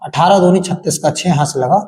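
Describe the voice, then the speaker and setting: Heard with long hall reverb, a man teaching maths speaks quite fast in a high-pitched, dark voice. Working board-exam problems step by step, he asks the class questions, supplies the answers himself, and chants times tables.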